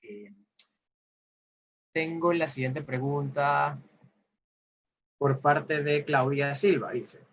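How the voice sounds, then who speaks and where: A man moderating an online panel over a lo-fi video-call connection, his voice a little higher than average. He reads out questions from the audience. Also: drawn-out words, long pauses, fairly bright tone.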